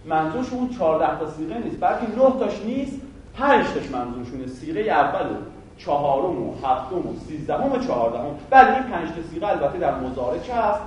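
A man with a fairly high voice teaches a grammar lesson, posing a question to the class and then supplying the answer himself. He is caught from some distance by the mic, in a room that rings with heavy echo. A faint hiss of background noise sits under his voice. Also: animated, darkish tone. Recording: very echoey room from far off.

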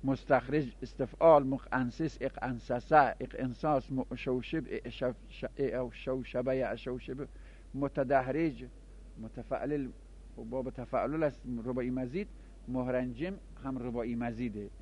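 A man's voice: medium pitch, steady tone, darkish tone, slightly rough. Man teaching a methodical grammar lesson. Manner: explains step by step, repeats terms, asks and answers his own questions. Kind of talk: classroom lesson on Arabic grammar. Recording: dull lo-fi recording.

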